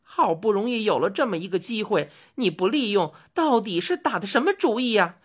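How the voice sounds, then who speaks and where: A woman voicing Chang'e, a vain, quick-tempered young wife who scolds shrilly, for a spoken storybook. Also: lowish voice, sing-song, breathy edge. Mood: scolding.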